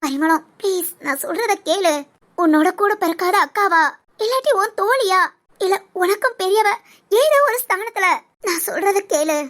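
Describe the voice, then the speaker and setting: A woman's voice: extremely high pitch, expressive, moderate pace, a bit bright. A woman voicing a coaxing older woman friend. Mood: gentle. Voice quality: coaxing, insistent. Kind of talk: audio story role-play.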